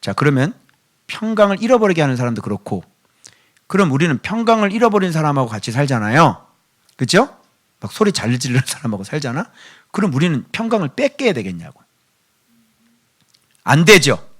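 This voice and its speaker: A middle-aged man preaching a sermon as pastor. He drops to hushed whispers, then rises to loud pleading, and keeps asking the congregation rhetorical questions. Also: on the high side, sing-song, a little fast, long pauses.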